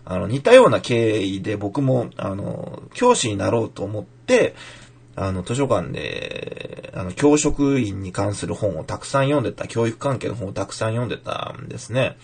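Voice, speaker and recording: Reading listener mail on his casual podcast, a Fukushima-raised playwright from Japan drops into the local dialect to act out lines. He talks at normal speed in a lowish, creaky, husky voice with big pitch swings.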